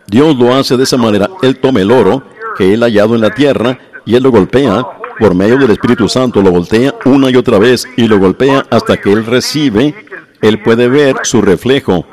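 A man's voice: medium pitch, a little mellow. A man preaching a sermon to a congregation, often breaking off to ask the listeners whether they see his point. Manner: addresses the congregation directly with repeated questions.

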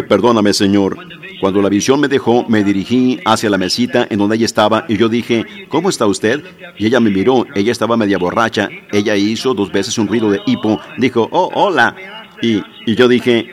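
A man preaching a sermon, telling a story and leading an earnest, pleading prayer. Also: lowish voice. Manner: earnest, pleading, measured delivery.

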